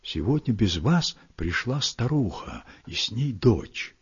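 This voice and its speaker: A man reading a story, voicing a frightened cossack servant who speaks in a hushed, secretive whisper with a husky voice. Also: fairly low pitch, very animated, takes it slowly, full character voice. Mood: uneasy. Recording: muffled lo-fi recording.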